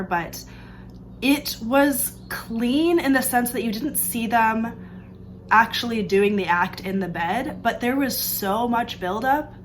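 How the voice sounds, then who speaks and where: Her voice is on the high side, a bit congested from allergies, with a little hiss or hum in the recording. The young woman, a book vlogger, chats upbeat and casually about books she read, full of "like" and "um," in a room whose open sliding door admits faint birdsong and planes.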